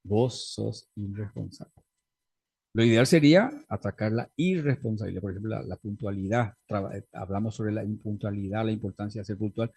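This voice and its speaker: A man's voice: on the low side, fast talker, few pauses, a little mellow, husky. A man teaching a faith-based class on family conflict in a conversational way, often checking in with his listeners. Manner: conversational teaching, frequent tag questions.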